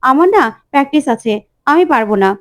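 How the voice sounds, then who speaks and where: A woman reading the lines of a young husband in her own voice, without lowering it, in a soap-opera recap. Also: animated, fast. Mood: brusque. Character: young husband, mildly irritated.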